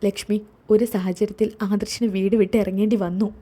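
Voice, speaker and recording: Woman doing calm husband, soothing and firm, mellow husky voice. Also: medium pitch, fairly quick, natural voice. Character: steady middle-aged husband comforting his wife.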